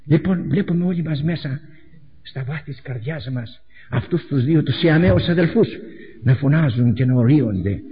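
A man preaching a sermon with a dramatic delivery, repeating phrases and swinging between loud outbursts and hushed asides. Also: a little high, expressive. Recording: echoey hall, dull lo-fi recording.

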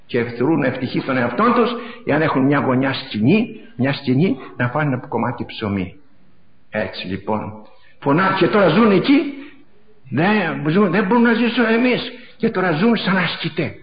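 A middle-aged man delivers a sermon with passion, repeating phrases and swinging from loud cries to near-hushed words. His voice sits a little high. The recording is dull and lo-fi, with a roomy echo around him. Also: sing-song. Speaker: preacher.

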